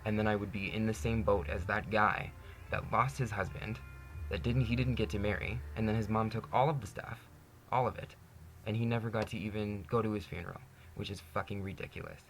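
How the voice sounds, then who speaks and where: Soft music plays behind this fairly low, fairly quick male voice with mostly even intonation. He's a young Canadian vlogger in his 20s, speaking to camera in an earnest, candid monologue, forever saying "you know" and laughing a lot.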